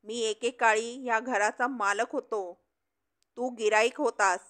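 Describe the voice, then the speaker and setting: A woman's voice: fairly high pitch, fairly even intonation, slow, fairly bright tone. Woman voicing a sneering, defiant man. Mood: defiant, mocking. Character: defiant former master of the house, a man.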